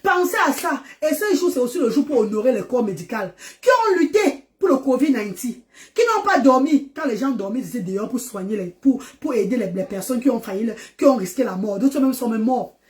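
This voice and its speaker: Woman, middle-aged, from Central Africa, high voice, live-stream host, affectionate, exhorting. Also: lively intonation, a little fast, a little mellow. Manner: affectionate, preachy, exhorting repetition. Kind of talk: casual live-stream talk to viewers.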